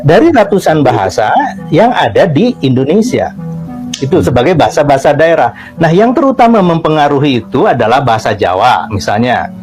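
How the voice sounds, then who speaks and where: A man's voice: a little high, fairly quick, soft background music. A man giving an explanatory talk, with frequent "ya" fillers. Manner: lively, adds "ya" fillers.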